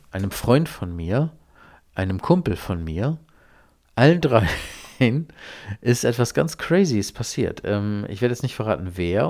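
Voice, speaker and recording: A man's voice: fairly low pitch, vocal fry, darkish tone. A man hosting a solo podcast, talking casually and rambling, with offhand swearing. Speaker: podcast host.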